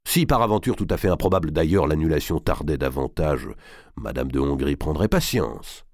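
A man's voice: extremely low pitch, animated, normal speed, dry recording, clean studio sound, heavily acted. A man reading aloud and voicing a scheming middle-aged royal uncle, blustering and pleading. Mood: dismissive.

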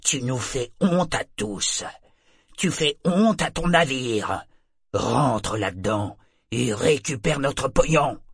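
A man's voice: mid-range voice, expressive, a little slow, fairly bright tone, slightly rough, no room sound, studio quality, full character voice. A man voicing a brutish, bullying sailor who talks coarsely and menacingly. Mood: taunting.

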